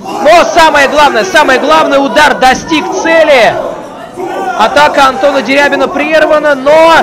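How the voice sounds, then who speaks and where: A man doing excited live play-by-play as a wrestling commentator, calling out move names and drawing out key words. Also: very high voice, moderate pace, low-quality recording. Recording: crowd noise of a live event. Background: live wrestling crowd.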